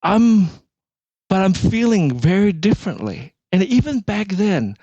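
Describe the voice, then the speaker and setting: A man's voice: sits high, very animated, unhurried, warm tone, no room sound, muffled recording. A man, a guest speaking in an earnest, reflective way with frequent restarts. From Malaysia. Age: 40s. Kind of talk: casual interview talk.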